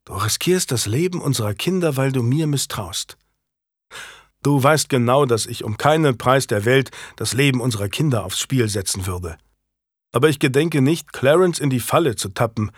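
A man voicing a sharp-tongued noblewoman, a wronged wife who turns scornful and biting, in an audiobook. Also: mid-range voice, expressive, moderate pace, slightly rough, no echo, clean studio sound. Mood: tense. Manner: scornful, biting, rising to shouted accusations. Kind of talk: audiobook character reading.

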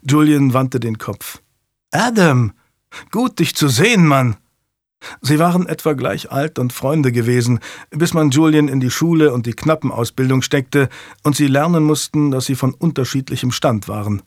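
Calm male audiobook narrator, dry studio. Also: mid-range voice, moderate pace, dry recording. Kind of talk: scripted narration.

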